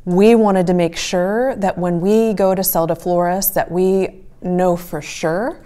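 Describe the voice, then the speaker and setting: A farmer and host in her forties gives conversational, explanatory advice to the camera from a small wood-panelled room beside a stove. Her voice is lowish, mellow and steady, and she speaks at a measured pace.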